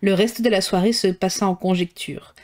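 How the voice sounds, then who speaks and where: A woman reading a classic novel aloud on a live stream in steady, clear narration. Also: medium pitch, normal speed.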